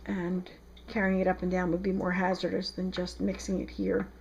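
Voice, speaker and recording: Speaking on the low side with a completely flat delivery, this woman keeps a moderate pace; her voice is creaky and a little mellow, and there's a slight hiss or hum. She has a South Jersey accent and is casually demonstrating a soap recipe in her second-floor home kitchen, often saying um.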